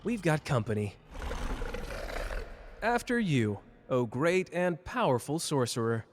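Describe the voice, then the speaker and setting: Man acting Gojo, cocky high-voiced flirty sorcerer. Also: sing-song, slow, exaggerated voice. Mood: teasing. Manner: playful, smug, drawling, teasing. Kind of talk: anime character roleplay audio drama. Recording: reverberant hall, audible background noise.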